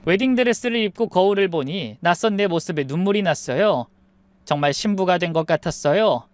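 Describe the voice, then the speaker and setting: A young woman softly narrating her own wedding story in a reflective tone. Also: lowish voice, expressive, fairly quick, no echo. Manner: soft, reflective. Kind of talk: first-person story narration.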